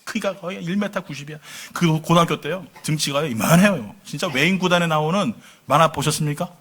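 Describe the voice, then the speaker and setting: Middle-aged pastor preaching, bright voice, keeps asking the congregation stuff. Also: male voice, on the high side, quick pace, slightly rough. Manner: lively storytelling preaching, asks the congregation questions. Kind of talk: sermon. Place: church sanctuary.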